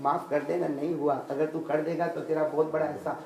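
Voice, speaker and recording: A man voicing a humble male traveler who speaks low and quietly, pleading for a place to stay. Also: level tone, fairly quick, vocal fry. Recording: echoey mosque hall, faint ambient noise.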